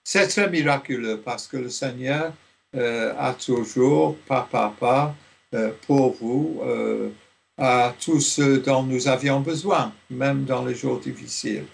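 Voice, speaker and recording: An older man from Liverpool, a theology professor, speaking in a radio interview, slowly and with many hesitations. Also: mid-range voice, gravelly. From Liverpool, England. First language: English. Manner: slow, halting, many fillers.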